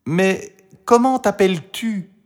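A man's voice: high voice, slow pace, voice pushed up. A man voicing a young, cheerful and kind princess girl in a storybook reading. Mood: eager, bright.

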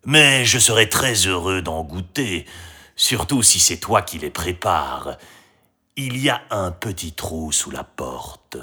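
Sad, gentle storybook dragon, low and slow, begging forgiveness, read by a man. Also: big pitch swings, husky, exaggerated voice. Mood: lonely, remorseful. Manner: sad, pleading. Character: lonely locked-up male dragon, remorseful and gentle.

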